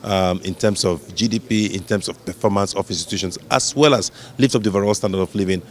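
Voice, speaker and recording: A man with a lowish voice explains things in an interview, restarting his sentences now and then. He comes across as steady and informative. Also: quick pace, a little hiss or hum. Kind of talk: interview answers.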